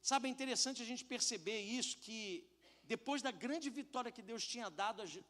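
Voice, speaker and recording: Man, Brazilian accent, pastor preaching, passionate, soft to shouting, bright tone, reverberant church hall. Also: extremely high pitch, moderate pace. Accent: Brazilian Portuguese. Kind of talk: sermon.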